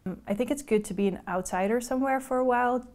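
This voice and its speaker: A woman's voice: fairly high pitch, quick pace, a little mellow. Dutch woman in her thirties speaking English. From Netherlands. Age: 30s. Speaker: blind date participant. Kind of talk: casual interview and chat. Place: indoors, hotel room and restaurant.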